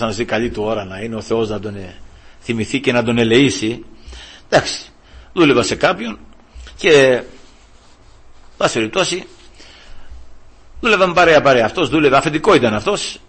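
A middle-aged or older man preaching a sermon to the brethren, telling a personal story and acting out quoted voices with sudden jumps in pitch. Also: fairly bright tone, husky.

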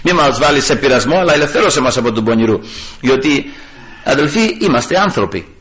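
A man preaching a sermon to his congregation, animated, moving between raised emphasis and hushed asides. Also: mid-range voice.

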